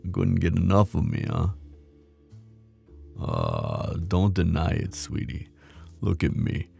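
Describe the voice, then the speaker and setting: Deep and gravelly, with a cocky, teasing drawl, this man performs a flirty yet menacing mob boss for an intimate ASMR roleplay. His delivery is slow, mellow, very animated, and heavily acted, over faint background music.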